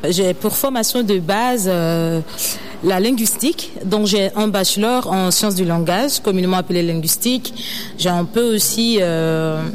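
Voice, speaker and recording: A woman's voice: mid-range voice, unhurried. A young woman from Ivory Coast answers an interviewer's questions. Her talk is earnest and searching, broken by frequent hesitations. A faint background noise sits under her voice. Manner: earnest, hesitant with many fillers. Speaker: designer and activist guest.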